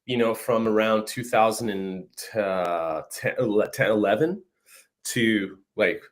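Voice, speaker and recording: In no hurry and with a fairly low pitch, a man in his fifties from northern Saskatchewan, Canada, chats as a guest musician. The casual interview happens over a video call from a room in his home, captured by the call mic, and he keeps saying "you know what I mean."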